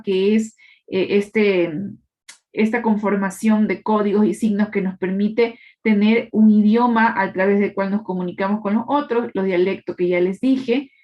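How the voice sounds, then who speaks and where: Female teacher on a video call, explanatory lecture style, muffled lo-fi mic. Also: medium pitch. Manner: explanatory, checks in with tag questions. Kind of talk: live online class lecture.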